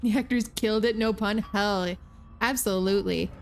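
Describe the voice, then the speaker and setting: A woman's voice: medium pitch, fairly even intonation, normal speed, soft background music. A woman giving casual live commentary as she streams a game.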